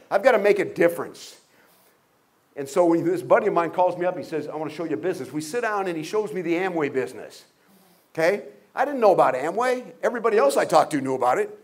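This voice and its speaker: High-voiced man giving a humorous motivational talk. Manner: humorous storytelling with jokes and acted-out voices; asks the audience rhetorical questions. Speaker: guest speaker.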